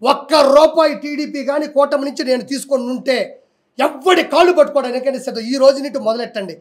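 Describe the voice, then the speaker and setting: A man's voice: very high-pitched, fairly quick. A man, speaking combatively and defiantly in a heated political interview.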